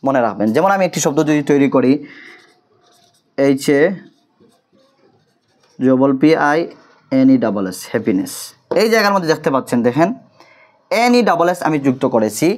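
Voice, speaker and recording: A man's voice: mid-range voice, animated, normal speed, pauses often, a little mellow. A man with a Bengali accent teaching English grammar, explaining step by step, spelling out words letter by letter and repeating key terms, sometimes correcting himself. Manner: self-correcting, occasional slips and restarts. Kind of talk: explaining a lesson to students.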